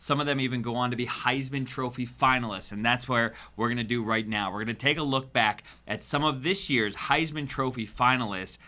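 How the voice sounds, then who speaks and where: A man's voice: medium pitch, a little fast, few pauses, pushed and bright. A man co-hosting a sports talk show, rattling off player stats in an upbeat, punchy way. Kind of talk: studio sports talk with stat rundowns.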